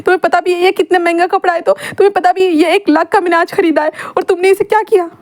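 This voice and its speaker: A woman's voice: very high-pitched, fairly even intonation, quick pace, a little mellow, voice pushed up. A woman voicing a thrifty, fussy young male college student who scolds and complains. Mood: indignant. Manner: indignant, scolding.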